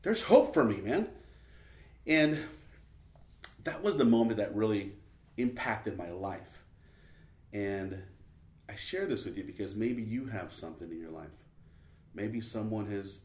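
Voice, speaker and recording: A man's voice: fairly low pitch, darkish tone. A man giving a motivational speech built on a personal story, emphatic, and often tossing in "man". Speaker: motivational speaker. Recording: roomy echo.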